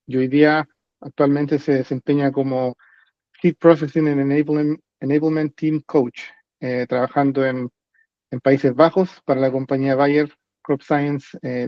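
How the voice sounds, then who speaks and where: A man's voice: medium pitch, no echo. A man hosting a podcast interview, speaking hesitantly with many fillers and restarts. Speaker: podcast host. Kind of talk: conversational interview. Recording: dry, dull lo-fi sound.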